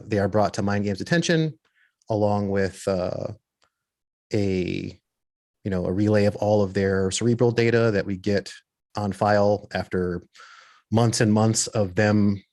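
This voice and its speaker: A man playing a tabletop roleplaying game, improvising in a hesitant, halting and wordy way. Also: on the low side, darkish tone.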